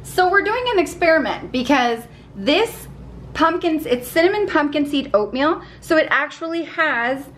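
A woman's voice: high-pitched, expressive, normal speed, a bit bright, a little hiss or hum. A woman in her thirties chatting upbeat to viewers as she preps food in her home kitchen, camera held at arm's length. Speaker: vlogger showing meal prep. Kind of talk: casual cooking vlog talk. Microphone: handheld camera at arm's length.

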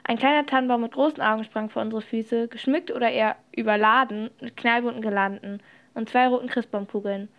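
A woman narrating a storybook chapter aloud, reading lively with occasional slips and restarts. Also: a little high, fairly quick. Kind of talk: audiobook reading.

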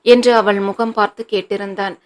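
Woman narrating a novel in an even voice. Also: mid-range voice, a little fast. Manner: steady, even reading. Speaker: audiobook narrator.

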